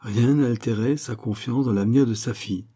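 A man narrating a classic novel as an audiobook, reading in a measured, even way. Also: medium pitch, breathy edge. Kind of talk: scripted literary narration.

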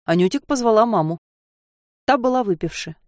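A woman narrating a novel in the first person with a steady, measured reading. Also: on the high side, no echo, clean studio sound. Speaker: audiobook narrator.

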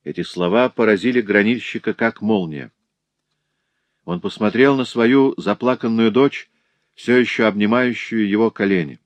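A man narrating a dramatic classic novel as an audiobook, steady storytelling on a close mic. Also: on the low side, moderate pace, no echo, lo-fi sound.

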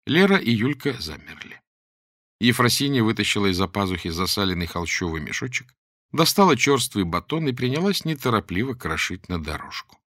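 A male narrator reading a novel aloud with an expressive, lively melody. His voice is bright and forward. The recording is dry and close. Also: on the low side, brisk, no room sound. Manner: expressive storytelling. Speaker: audiobook narrator. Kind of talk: scripted narration.

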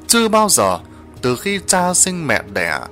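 A male storyteller narrates a ghost story in a bright, forceful voice. His pitch moves widely and his reading stays dramatic and expressive. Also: measured pace, faint music behind. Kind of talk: spoken horror story narration.

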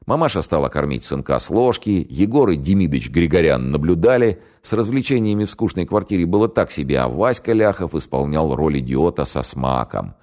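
A man narrating a spy novel in an expressive, wry storytelling manner. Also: a bass voice, fairly quick, hardly any pauses. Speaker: audiobook narrator.

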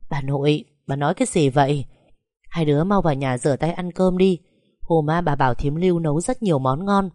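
A woman's voice: low voice, a little fast, dark tone, no echo, studio quality, natural voice. A woman voicing a doting, fierce grandmother over eighty, who fusses and scolds. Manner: fussing, scolding.

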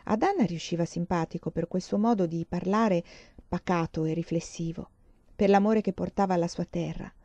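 A woman reading a novel aloud in a calm, measured storytelling manner with gentle emphasis. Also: fairly low pitch, no room sound. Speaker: audiobook reader.

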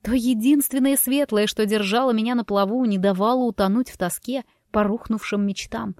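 A woman's voice: a little high, normal speed, a little mellow, dry recording. Woman reading an audiobook, dry voice. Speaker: audiobook narrator. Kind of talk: first-person audiobook narration.

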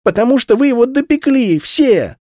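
A man's voice: extremely high pitch, very animated, moderate pace, darkish tone, no echo, studio quality, pitched above the performer's own voice, exaggerated voice. Man doing a shrieking spiteful little girl. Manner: shrieking, screaming insults. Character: shrill spiteful little girl, hot-tempered.

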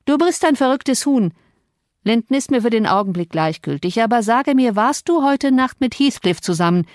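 A woman's voice: on the high side, moderate pace, a little mellow, dry recording, studio quality, voice pushed up, close to an everyday voice. A woman reading the part of a harsh, sneering young man who rules the house. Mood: blustering. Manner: blustering, sneering.

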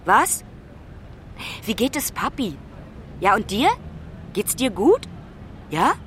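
An actress in a radio play voices a lonely young woman travelling abroad who phones her mother, anxious and affectionate, speaking urgently and pleadingly yet in a chatty mood. Her medium-pitched voice is sing-song and fairly bright, and she takes her time. There is slight background noise.

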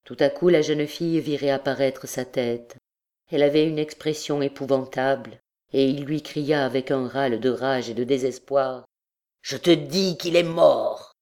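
A woman narrating a classic novel in an audiobook, measured and grave. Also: a bass voice, steady tone, warm tone.

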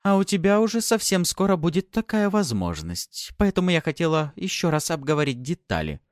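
A man's voice: on the high side, sing-song, fairly quick, no echo, studio quality, pitched above the performer's own voice. Male narrator doing a haughty noblewoman for an audiobook: lilting, commanding, mock-sweet. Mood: imperious. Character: haughty noblewoman, imperious and teasing. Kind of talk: audiobook character voice.

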